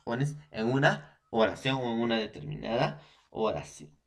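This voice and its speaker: Peruvian guy teaching a lesson, middle pitch, keeps checking in with the kids. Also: normal speed, vocal fry. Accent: Peruvian Spanish. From Peru. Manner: repetitive, often checks in with "¿no?" and "entonces"; addresses students directly as "jóvenes". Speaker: language teacher. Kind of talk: recorded classroom lesson.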